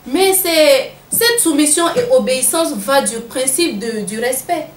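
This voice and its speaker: A woman's voice: sits high, animated, measured pace. A woman with a Malian French accent answering interview questions in an earnest, emphatic way, repeating phrases for weight. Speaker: interview guest. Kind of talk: interview answers on women in politics. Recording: echoey room with faint background noise.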